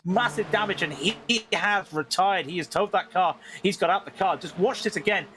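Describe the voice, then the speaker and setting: A man with a distinctly high, bright voice gives motorsport commentary on a sim race. He analyses the action conversationally, in short phrases. Faint engine noise runs underneath. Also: normal speed. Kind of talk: live sim racing commentary and replay analysis.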